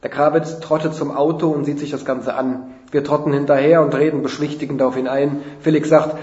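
A man's voice: fairly high pitch, little pitch movement, a little fast, a little mellow. A man reading a funny first-person story aloud in a dry, mock-dramatic way. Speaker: reader of a humorous story. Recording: roomy, dull lo-fi sound.

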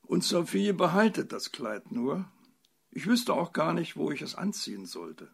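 A man voicing a practical, sharp-tongued old farmer's wife in a storybook reading. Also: on the high side, sing-song, vocal fry, husky, pitched above the performer's own voice, full character voice. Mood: scolding. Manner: brisk, scolding.

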